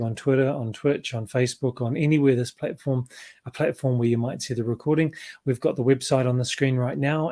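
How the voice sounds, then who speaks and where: A man hosting an interview show, speaking in a measured, thankful way as he wraps up. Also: mid-range voice, a little mellow.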